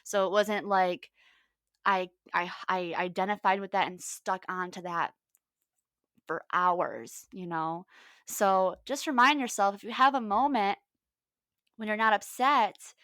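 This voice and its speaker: A woman coaching on mindset in a casual podcast chat, telling stories in a lively way and acting out what people said. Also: mid-range voice, unhurried, no room sound, studio quality. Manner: lively storytelling, acts out quoted lines.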